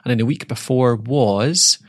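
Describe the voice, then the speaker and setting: A man's voice: mid-range voice, unhurried, dry recording, clean studio sound. A man hosting a podcast in a casual, chatty way, laughing easily and tossing in tag questions. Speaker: podcast host. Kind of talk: casual chat.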